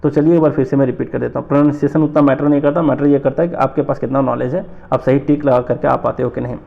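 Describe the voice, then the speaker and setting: Gravelly-voiced male exam tutor. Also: mid-range voice, fairly even intonation, dull audio. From North India. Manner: explains slowly, repeats terms, asks rhetorical questions. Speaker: teacher. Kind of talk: exam-prep lecture.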